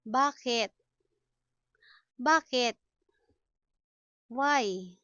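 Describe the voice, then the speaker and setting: A woman from the Philippines teaches phrases, saying each one twice and then giving its meaning. She talks very slowly in a bright, somewhat high voice. The recording is dry, close and a little muffled. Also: no echo. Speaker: language teacher. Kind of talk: slow phrase drills for learners.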